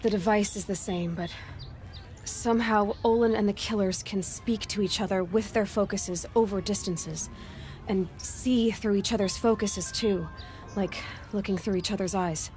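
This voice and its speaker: Terse, self-reliant young huntress played by an actress, music behind. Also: female voice, mid-range voice, steady tone, normal speed, darkish tone, natural voice. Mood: matter-of-fact. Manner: terse, matter-of-fact. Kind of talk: video game dialogue acting.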